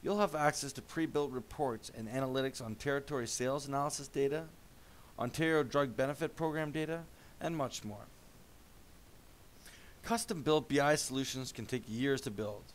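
A man voices over a software product demo, explaining things in a measured tone. His pitch is medium, with slight background noise.

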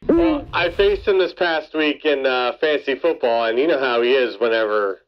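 A man in his thirties chatting casually and haltingly into a studio microphone. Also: mid-range voice, very animated, lo-fi sound. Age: 30s. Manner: hesitant, halting. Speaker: show staffer being interviewed. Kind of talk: casual chat. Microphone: studio gooseneck microphone.

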